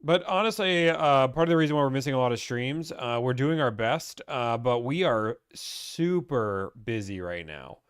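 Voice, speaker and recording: A man's voice: mid-range voice, lively intonation, moderate pace, few pauses, clean tone, no room sound, studio quality. A young man from Pittsburgh, chatting casually as he reads and answers viewer questions about car buying on a live stream.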